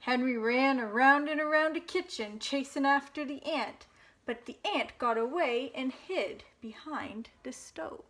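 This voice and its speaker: A woman hosting storytime reads a children's picture book aloud to young listeners, expressive and dramatic. Her voice sits high and her pace is unhurried.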